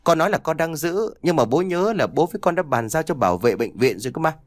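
A man's voice: fairly high pitch, sing-song, fast talker, no room sound, clean studio sound, pitched above the performer's own voice. A man reading as a cheerful doting father. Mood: chatty. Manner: warm, chatty, fatherly. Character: kindly middle-aged father, cheerful and doting. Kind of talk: audiobook dialogue reading.

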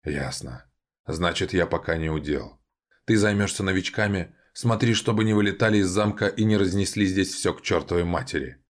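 A man voicing an ancient male vampire count who speaks low, rough and muttered. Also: moderate pace, close to an everyday voice. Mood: gruff.

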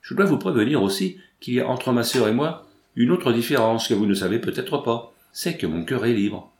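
A frank, eager young woman presses her questions one after another, as a man reads her lines in his own middle-pitched voice. The room around the voice sounds open and roomy. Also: animated, moderate pace, close to an everyday voice. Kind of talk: audiobook dialogue reading.

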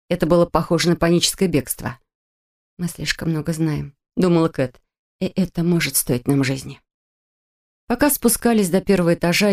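An audiobook narrator reading in a measured, even manner. The pitch sits in the middle, and the pacing stays steady through the prose. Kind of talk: scripted narration.

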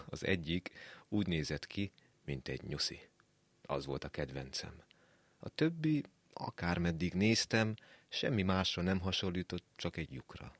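Deep-voiced man reading a story calmly. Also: no echo. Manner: measured, calm storytelling with soft dropped endings. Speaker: reader. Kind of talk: scripted narration. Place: radio studio.

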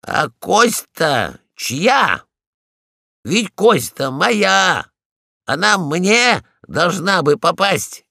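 A man's voice: high-pitched, lively intonation, very slow, gravelly, sharp tone, no room sound, clean studio sound, voice pushed up, heavily acted. A man voicing a proud, indignant male dog in a storybook, stern and put out.

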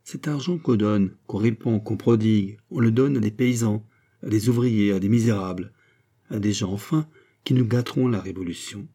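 Mec lisant un médecin persuasif qui insiste, ton de discours, voix basse. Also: male voice, moderate pace, dark tone. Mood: lecturing. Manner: insistent, lecturing, rhetorical. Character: male doctor, calm persuasive political thinker. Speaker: character in an audiobook.

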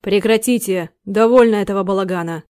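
A woman's voice: medium pitch, fairly quick, warm tone, natural voice. A woman reading the part of a stern, commanding male count in an audiobook, speaking with scorn. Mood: angry.

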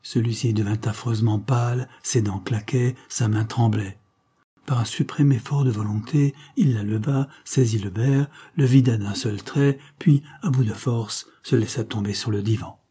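A man narrating an old novel in a measured, dramatic audiobook reading. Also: medium pitch, steady tone, warm tone, slightly rough.

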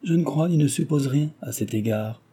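A man's voice: a little high, moderate pace, mellow, slightly rough, voice pushed up. A man reading an audiobook, voicing a composed, wary young woman in a slightly raised tone.

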